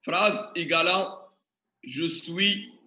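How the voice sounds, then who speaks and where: A man's voice: fairly high pitch, takes it slowly, sharp tone. A man teaching a classroom tutorial, questioning the class and working through examples step by step. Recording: echoey classroom.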